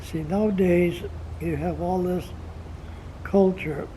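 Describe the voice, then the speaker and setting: A very old American man in his nineties, reminiscing casually in a slow, halting way, repeating words as he searches for them. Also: high voice, fairly even intonation, dark tone, a little hiss or hum, poor audio. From Montana, United States. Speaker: grandfather being interviewed. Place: outdoors in the sun.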